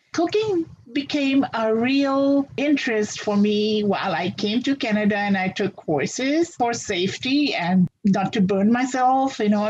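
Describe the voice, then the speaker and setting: A woman's voice: medium pitch, a little mellow, slightly rough, highs cut off. A woman from Fiji answering interview questions in a practical, upbeat way. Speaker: interview guest.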